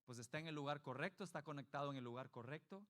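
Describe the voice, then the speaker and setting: Male pastor, sermon delivery, high bright tone, emphatic, questions the congregation. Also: fast talker.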